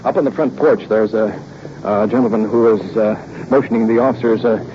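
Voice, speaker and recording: In the manner of an old radio documentary, a man with a fairly low voice reports live while riding with police, speaking briskly and improvising hesitantly in formal language. He moves between the police car and houses. The old field recording is muffled and very noisy, with loud engine and ambient sound.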